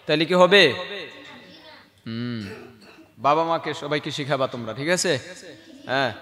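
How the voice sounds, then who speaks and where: A man teaching children Quran recitation, questioning and coaxing them, then modelling the verses slowly. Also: fairly high pitch, fairly bright tone, in a large hall.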